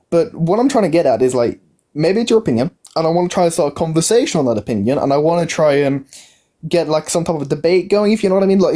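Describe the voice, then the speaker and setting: A young man in his early twenties argues on a casual live stream. His mellow, darker voice moves through a wide, lively pitch range. He keeps circling back to the same question, stumbling into restarts as he pushes. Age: young adult. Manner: insistent, repetitive, stumbling restarts. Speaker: livestream guest.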